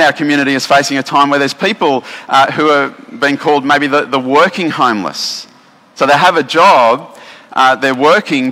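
An Australian man preaches in an easygoing, conversational way, full of "um"s and restarts. His voice is bright and forward, and it rings out with the long reverb of a church hall. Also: medium pitch. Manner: relaxed, chatty, many fillers and restarts. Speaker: pastor. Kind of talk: casual sermon with instructions for children.

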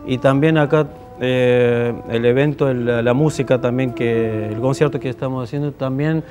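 A man from Armenia in his thirties, a guest musician on a TV studio show. He speaks with a middle pitch, stopping often for fillers and restarts. Faint music plays behind him. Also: fairly even intonation, normal speed, warm tone, highs cut off. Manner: hesitant, many fillers and restarts. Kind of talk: TV studio interview. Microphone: lapel mic.

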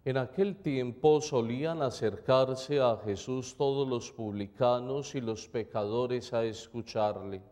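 During Mass in a large church, a priest with a dark, mellow, mid-range voice reads the gospel and homily slowly, in a measured and solemn way. A long church reverb trails after every phrase.

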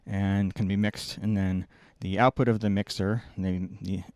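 In a small indoor production control room, a middle-aged video production engineer works through an informal technical tutorial step by step, correcting himself often. He speaks at a measured pace in a deep, darkish voice with little pitch movement. A close boom-mounted mic makes for a dry recording.

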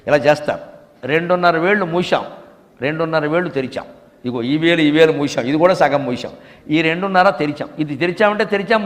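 An older man with a high voice gives a devotional discourse in a hall with a long reverb. He speaks emphatically and animatedly, and he mimics other people's voices to make his points. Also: fairly bright tone. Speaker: spiritual speaker.

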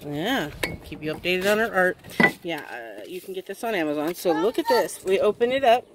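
Here her pitch is fairly low and her delivery animated and fairly quick. Seated on a wooden step by a house, the mother behind the toy review channel unboxes casually into a close handheld camera or phone, assembling her explanations as she talks. The recording is noisy and handheld.

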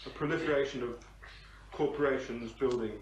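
Male questioner, mid pitch, hesitant, roomy distant audio. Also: fairly even intonation, brisk, dull audio. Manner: searching, hesitant, builds his argument at length. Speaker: audience member asking a question. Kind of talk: discussion question. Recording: roomy sound from far off the mic, faint hiss.

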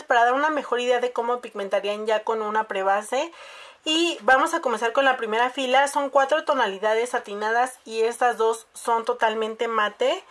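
A woman's voice: on the high side, a bit bright. A woman, chatting casually through a makeup review and addressing viewers as "chicas". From Mexico. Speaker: beauty vlogger.

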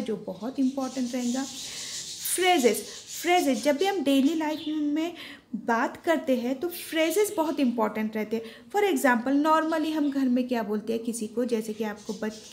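A woman's voice: high voice, darkish tone, a little hiss or hum. A woman with an Indian accent teaching a spoken English class, explaining patiently and repeating words for emphasis.

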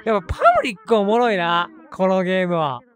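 A young man streaming, chatting casually and teasing other players in a social VR game. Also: high voice. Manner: chatty, teasing, quick to laugh. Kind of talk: casual VR chat. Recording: busy voice chat crowd. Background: crowd of other players.

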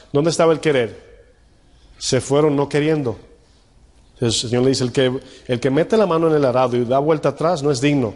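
A man's voice: medium pitch, darkish tone. Preaching male pastor in a reverberant church. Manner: conversational preaching with rhetorical questions to the congregation. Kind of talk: sermon.

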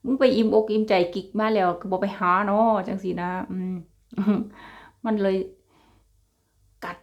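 A woman's voice: mid-range voice, steady tone, measured pace, a little mellow, dull audio. A young woman with an Isan accent chatting casually to her viewers in a vlog, laughing often and calling them brothers and sisters. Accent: Isan (Northeastern Thai). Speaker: vlogger.

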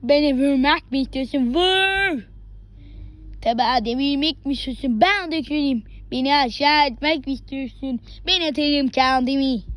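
A woman's voice: high voice, moderate pace, no room sound. A woman voicing a defiant, dramatic character who dares someone to shoot, in an amateur impression. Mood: defiant taunting. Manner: loud, theatrical, taunting.

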